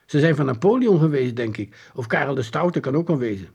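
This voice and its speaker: A man's voice: medium pitch, lively intonation, a little fast, a little mellow, breathy edge. A man voicing a thoughtful schoolboy friend in a children's story, drawling a little. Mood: musing. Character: slow, musing schoolboy friend.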